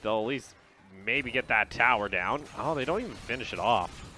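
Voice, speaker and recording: A man's voice: medium pitch, lively intonation, normal speed, sharp tone, soft background music. A young man casting a live esports match, chatting casually with his co-caster.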